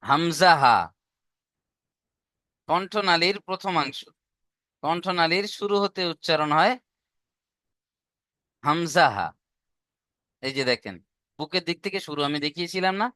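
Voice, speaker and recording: The voice of this Quran recitation teacher sits high and sharp, running a little fast. In his online class he is patient and repetitive, regularly asking students whether they've understood. Clean studio sound, no echo.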